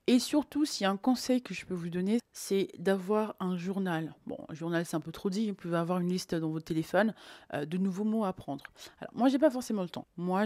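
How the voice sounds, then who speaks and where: A woman's voice: on the low side, dry recording. A woman giving job interview advice on her channel in an emphatic, playful manner. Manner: emphatic, playful, lively teaching tone. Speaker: vlogger and recruitment coach. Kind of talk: advice vlog.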